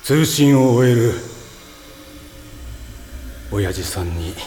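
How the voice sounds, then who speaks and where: A man playing a stern, fatherly time-police chief who speaks slowly and tersely, heard as a police radio transmission from headquarters. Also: mid-range voice, expressive, warm tone. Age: middle-aged. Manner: slow, terse, commanding. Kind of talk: audio drama acting. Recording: distant reverberant radio with faint hiss.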